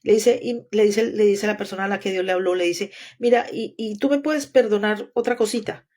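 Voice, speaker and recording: A woman's voice: mid-range voice, a little fast, darkish tone. A woman apostle preaching a sermon, telling stories and acting out the dialogue. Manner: storytelling, acts out dialogue.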